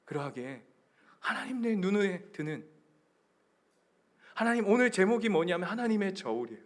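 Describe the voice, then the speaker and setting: A man with a high voice preaches a Sunday sermon in a church sanctuary, speaking with a Gyeongsang accent. He moves between hushed, almost whispered asides and loud, emphatic cries. He questions the congregation directly and leads them in reading scripture together. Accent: Gyeongsang Korean. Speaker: pastor.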